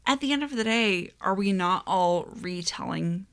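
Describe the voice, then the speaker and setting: A woman's voice: medium pitch, expressive, moderate pace, a bit bright, smooth. A woman co-hosting an informal book chat, agreeable and happy to swear. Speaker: co-host of a book discussion show. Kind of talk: casual chat.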